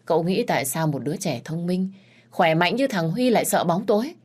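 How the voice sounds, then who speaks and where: A woman's voice: lowish voice, lively intonation, fairly quick, darkish tone, slightly rough. A woman voicing a bitter, resentful mother in a spoken story, accusing and raised. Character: bitter grieving middle-aged mother, servant woman.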